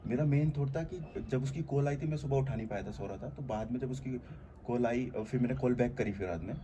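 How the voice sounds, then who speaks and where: A man's voice: mid-range voice, fast talker. A man who earnestly talks through his thinking in a casual conversation, with many fillers. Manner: reflective, earnest, explaining at length with many fillers. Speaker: channel host. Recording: faint background noise.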